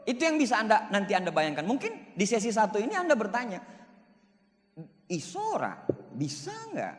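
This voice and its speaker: A man, giving a seminar success talk, animated and boastful, joking and swinging between loud and soft. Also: sits high, normal speed. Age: 40s. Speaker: motivational speaker. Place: large hall. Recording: reverberant hall.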